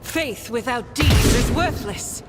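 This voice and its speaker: A woman's voice: fairly high pitch, animated, slow pace. A woman playing a fervent warrior zealot in a video game, solemn and devout in her declamation. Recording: loud game music behind.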